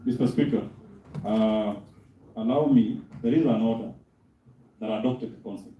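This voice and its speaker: A Kenyan man making a formal legal submission to an assembly's speaker, halting yet insistent. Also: lowish voice. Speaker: lawyer addressing the assembly's speaker. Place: legislative assembly chamber. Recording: dull echoey chamber, distant mic, faint noise.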